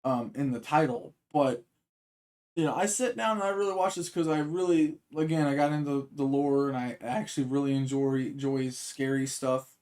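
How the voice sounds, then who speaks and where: A man's voice: medium pitch, normal speed, darkish tone. A man rambling casually as he sets up a reaction to a video, with many fillers and restarts. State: hiccups. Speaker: reaction streamer.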